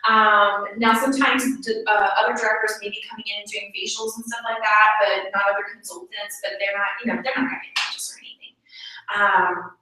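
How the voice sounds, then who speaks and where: A woman's voice: mid-range voice, little pitch movement, brisk, pushed and bright. A young woman chatting with many fillers as she leads a livestreamed unit meeting. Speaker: unit director leading a sales meeting. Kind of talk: casual meeting talk, livestreamed. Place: echoey meeting room. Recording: echoey room, far from the mic, faint noise.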